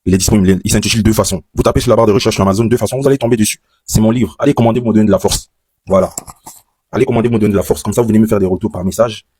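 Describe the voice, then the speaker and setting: A man's voice: on the low side, steady tone, racing, warm tone, slightly rough, dry recording, clean studio sound. A young man from Cameroon, a content creator chatting casually to his viewers in a reaction vlog. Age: young adult. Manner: chatty, addresses viewers as "les gars".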